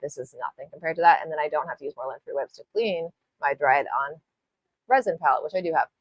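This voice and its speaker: A woman's voice: deep voice, quick pace, dry recording, muffled recording. A woman hosting a live nail art tutorial, chatting casually as she works, rambling, apologizing and swearing a little. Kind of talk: live-stream tutorial chat.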